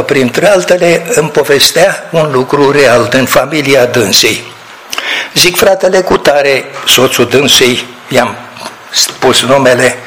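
Older guy preaching, middle voice, tells stories and does the voices of the people in them. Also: mid-range voice. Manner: storytelling, quoting others in lively voices. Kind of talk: sermon.

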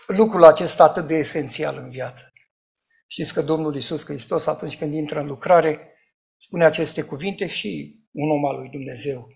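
A man preaching a sermon in an emphatic way, rising to loud outcries and dropping to hushed asides. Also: fairly high pitch, gravelly.

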